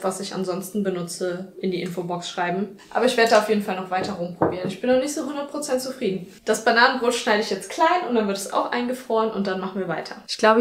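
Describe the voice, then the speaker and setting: A young woman talking casually through a cooking vlog in her home kitchen, thinking aloud as she works. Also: medium pitch. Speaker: cooking vlogger. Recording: echoey kitchen with faint noise.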